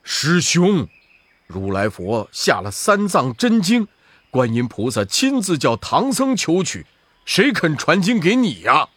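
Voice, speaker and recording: A man's voice: fairly low pitch, big pitch swings, measured pace, slightly rough, no room sound, voice pushed down, exaggerated voice. A man voicing a loyal, earnest monk disciple in a storybook reading. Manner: earnest, pleading.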